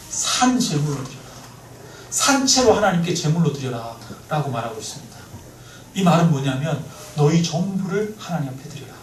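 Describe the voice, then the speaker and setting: A male pastor preaching a sermon in a church, lively, often asking the congregation questions. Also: high-pitched. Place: church sanctuary. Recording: roomy, mic at a distance, faint noise.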